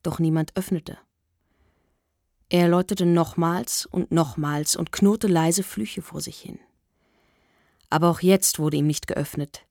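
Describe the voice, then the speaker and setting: A woman reading a novel aloud in measured, expressive scripted narration. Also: lowish voice, creaky, dry recording, clean studio sound. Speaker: audiobook reader.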